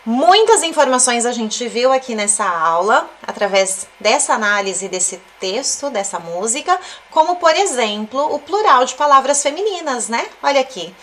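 A woman's voice: fairly high pitch, big pitch swings, fairly bright tone. Woman teaching Italian through a song. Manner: explains slowly, repeats words and checks in with tag questions. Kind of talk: language lesson analyzing a song.

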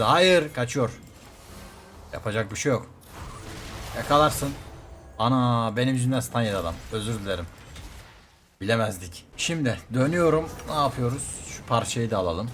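Excitable man giving gameplay commentary. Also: fairly low pitch, slight background noise. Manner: excitable, quick reactive outbursts, repeats words. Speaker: game streamer.

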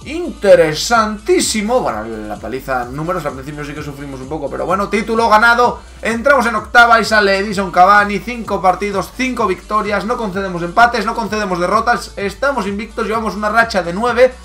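A man with a Spain Spanish accent commentates his own football gameplay. His voice is bright and forceful, and he keeps bursting into loud exclamations and curses. Faint music plays underneath. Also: high voice, fast talker, few pauses. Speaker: gaming YouTuber.

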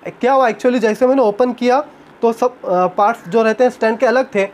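A young man with a very high voice talks at normal speed in a casual home vlog chat, animatedly retelling a story. He's recorded by a camera on a tripod.

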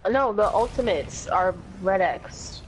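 A woman's voice: mid-range voice, expressive, slow pace, slight background noise, low-quality recording. A woman playing a team shooter alongside a streamer, talking bluntly and swearing freely. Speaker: co-player on the stream. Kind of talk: live gameplay chat.

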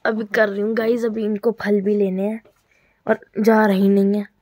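A woman's voice: mid-range voice, level tone, moderate pace, dark tone. A young woman chatting casually to her viewers at home in a teasing, talkative home vlog. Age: young adult. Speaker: vlogger.

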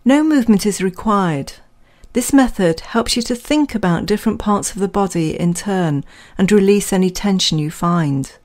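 A woman reading a scripted guided relaxation in a calm, measured, soothing manner, leaving pauses between phrases. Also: mid-range voice.

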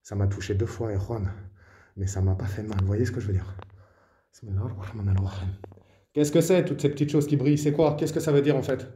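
A man from Morocco talks his way through an abandoned house at night in a low, hushed voice. He often drops to a whisper and murmurs Arabic invocations between his questions. His pitch sits in the middle for a man. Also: fairly quick, a little hiss or hum. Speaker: paranormal explorer. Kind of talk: night exploration vlog narration.

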